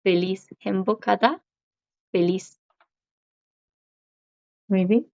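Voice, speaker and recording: A woman teaching a Korean class, who repeats words slowly and keeps checking in with her students. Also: a little high. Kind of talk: online class explanation. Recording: dull lo-fi audio.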